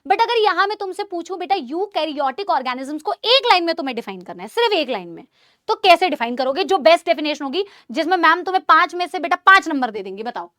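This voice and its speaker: A woman teaching biology in a live online class, animated, quizzing students and calling them beta and bhaiya. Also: very high voice, fast, no room sound, studio quality. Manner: asks the class many questions. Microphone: studio mic.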